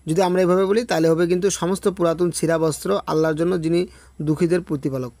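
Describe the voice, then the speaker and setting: Male Quran teacher in an online lesson, slightly high voice, dry recording, slow drawn-out chanting. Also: fairly even intonation, mellow, no echo. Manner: explains step by step, checks in with "okay?"; chants Arabic verses slowly and drawn out.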